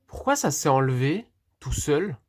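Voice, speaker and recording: A vlogger unboxing a toy figure in a casual, hesitant way, thinking aloud, talking straight to viewers and filling pauses with hesitations. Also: medium pitch, big pitch swings, a little mellow. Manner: hesitant, puzzled, fills pauses with "euh" and "du coup".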